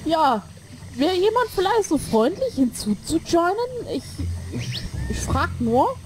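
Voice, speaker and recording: Very high-voiced with wide pitch swings, this streamer talks at a measured pace while playing an online game. She's a bit sick and breathless, rambling, correcting herself and joking as she goes. Background noise and loud game music surround her voice, recorded on a desk mic in a new room.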